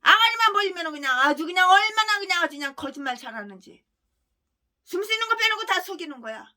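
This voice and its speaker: A woman pastor delivering a fiery, denunciatory sermon, ranting with heavy name-calling and bursts of shouting. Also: very high-pitched, expressive, fast.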